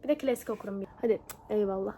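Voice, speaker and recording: A young woman chatting casually in a book vlog, animated and exclaiming, often laughing. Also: mid-range voice, very fast, a little hiss or hum. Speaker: book vlogger.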